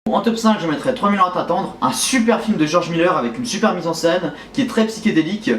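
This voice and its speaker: A man's voice: high voice, lively intonation, quick pace. A man casually ranking his favourite films of the year in a chatty way, often saying "hein" and "du coup". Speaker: film reviewer. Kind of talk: casual film ranking video. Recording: roomy echo, far from the mic, faint background noise.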